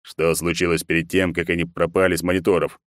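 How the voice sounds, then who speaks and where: A man's voice: deep voice, flat delivery, fast talker, no room sound, clean studio sound, natural voice. A man voicing a cold, ruthless emperor who speaks curtly and menacingly in an audiobook. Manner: menacing, curt, imperious.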